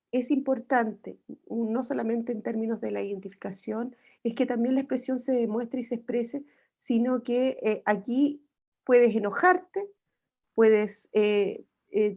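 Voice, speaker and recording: A woman's voice: fairly high pitch, gravelly, mellow. A woman, a psychologist giving an online parenting talk over a video call, explaining step by step with frequent rhetorical tag questions. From Chile.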